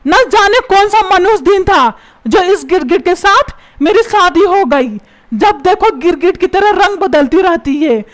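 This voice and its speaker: A woman's voice: extremely high pitch, expressive, measured pace. A woman voicing a put-upon cartoon father who grumbles and complains about being treated like a servant. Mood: grumbling.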